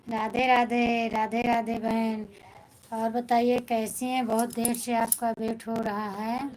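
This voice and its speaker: Slow-talking Awadhi woman on a live stream. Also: fairly high pitch, level tone, a little mellow, a little hiss or hum, rough recording. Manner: chatty and homely, greeting viewers and answering comments. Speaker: folk singer hosting a live stream. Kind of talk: casual live-stream chat with viewers. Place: at home at night, others asleep.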